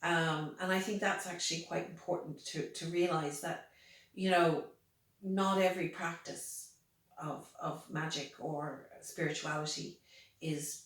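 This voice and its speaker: A woman with an Irish accent giving reflective interview answers in a deliberate, measured, emphatic way. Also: low-pitched, steady tone. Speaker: interviewee, pagan priestess. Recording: very echoey room, distant mic.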